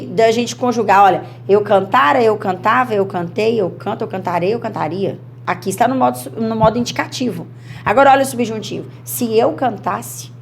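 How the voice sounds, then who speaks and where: Brazilian Portuguese woman teacher, fairly high voice, chatty animated exam-prep lesson, faint hum underneath. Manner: animated, chatty, acts out student worries.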